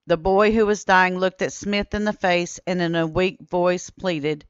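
A woman narrates a documentary script in a steady, measured way, reading old newspaper quotes aloud. Her voice is smooth and clear at a mid pitch. The recording is dry, with a slightly muffled, dull tone. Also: no echo. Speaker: history channel narrator.

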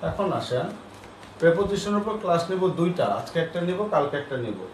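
A man's voice: a little high, lively intonation, moderate pace. Male classroom teacher, keeps asking the class questions and repeating answers, echoey room with faint background hum. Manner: drills students with repeated questions. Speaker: English teacher. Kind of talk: classroom lecture.

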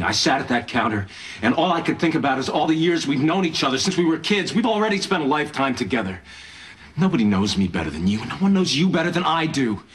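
A man's voice: fairly low pitch, a little hiss or hum, natural voice. An American actor in his thirties playing a desperate, earnest lovesick man in a TV sitcom, pleading in a heartfelt love confession. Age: 30s. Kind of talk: 1990s TV sitcom acting.

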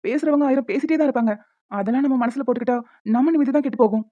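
A woman voicing a gentle young husband in a cartoon, soothing and reassuring his wife. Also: sits high, very fast, lo-fi sound. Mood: comforting.

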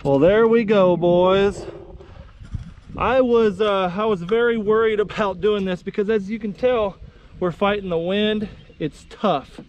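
Kayaking under a bridge, a young American vlog host chats to viewers in a folksy, excitable way, his voice sitting high and unhurried. The action camera audio is muffled, with outdoor noise.

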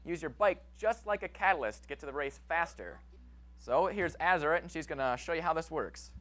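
A man's voice: fairly high pitch, expressive, a little fast, a bit bright. A young man introducing a chemistry demonstration to schoolchildren, upbeat and asking them simple questions. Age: young adult. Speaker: science demonstrator. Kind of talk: introducing a demo to children. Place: TV studio stage with a child audience.

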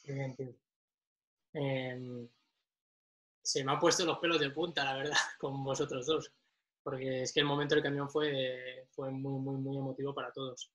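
A man's voice: mid-range voice, level tone, normal speed, fairly bright tone. A young man telling an emotional story in a casual chat, laughing often.

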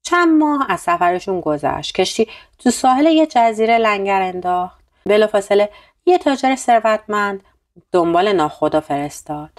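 A woman narrating a bedtime story in a calm, steady storytelling manner. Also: mid-range voice.

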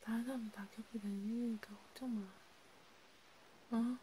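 A woman in a whispered role-play, comforting a friend softly and soothingly, slipping between a quiet voice and a whisper. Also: fairly high pitch, fairly even intonation, normal speed, slight background noise, poor audio. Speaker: ASMR creator.

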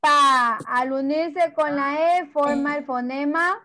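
A woman's voice: high-pitched, takes it slowly. A woman teaching young children in an online class, patient and affectionate, with many diminutives. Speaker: preschool teacher.

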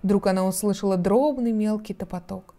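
A woman narrating a children's storybook in a calm, expressive, measured way. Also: medium pitch. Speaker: reader.

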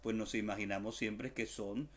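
His voice on the low side and fairly even, a man leads an online language lesson over a bit of hiss or hum. He explains at a slow pace, repeats words again and again, spells them letter by letter, and adds small joking asides.

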